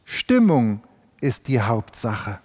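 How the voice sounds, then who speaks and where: A man's voice: mid-range voice, sing-song, slow pace, a little mellow, breathy edge, big-room sound, pitched below the performer's own voice, exaggerated voice. A man voicing a hooting owl in a storybook fable, an owl who loves dim, snug evenings. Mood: dreamy. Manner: hooting, dreamy. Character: cozy-loving hooting owl.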